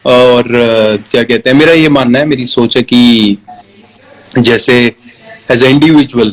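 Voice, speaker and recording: A man in his thirties, a guest on a phone video chat, talking in a relaxed, reflective way. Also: mid-range voice, takes it slowly, low-quality recording. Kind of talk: casual live video chat. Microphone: phone on a video call.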